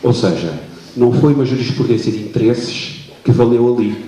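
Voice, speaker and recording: A man's voice: medium pitch, fairly quick, dark tone. Hesitant man asking from the floor, echoey hall. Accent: European Portuguese. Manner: hesitant, many fillers and restarts. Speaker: audience member asking a question. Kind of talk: question from the floor at a public talk. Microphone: no microphone, far from the recording mic. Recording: very echoey hall recording with faint noise.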